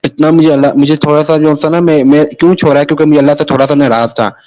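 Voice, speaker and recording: A Pakistani man, a guest in an interview, tells his personal story in a rambling way. His voice sits on the high side with a steady, darkish tone, and he talks fast. The recording is rough, and he keeps restarting phrases and repeating "sahi hai na."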